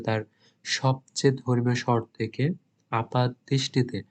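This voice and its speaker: Male Bangladeshi tutor, exam-prep lesson, level monotone delivery, English read out slowly then translated. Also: mid-range voice. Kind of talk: exam-prep lesson, reading notes aloud.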